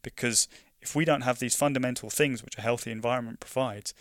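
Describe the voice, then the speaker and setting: A young London man who works on a conservation project talks casually in an interview, his London accent carrying lots of restarts and "you know" fillers. His mid-range voice is steady in tone and fast. The recording is clean studio sound with no room noise.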